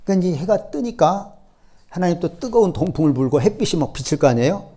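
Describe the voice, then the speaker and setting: A male pastor delivers an animated sermon, his fairly high voice dark and mellow in tone. He tells the story with lively energy and keeps checking in with the congregation through quick questions. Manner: acts out biblical speech in raised voice.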